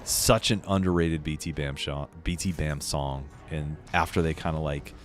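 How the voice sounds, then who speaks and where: A male game streamer with a very deep voice talks at normal speed in laid-back, chatty live commentary packed with fillers. A cold has made him slightly hoarse and sniffly. Faint game music can be heard in the background.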